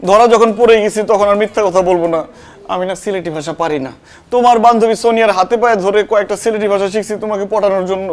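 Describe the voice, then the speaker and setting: A man's voice: sits high, very fast. A young man acting an eager, boastful suitor in a comedy sketch. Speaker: comic actor playing a suitor. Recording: faint background music.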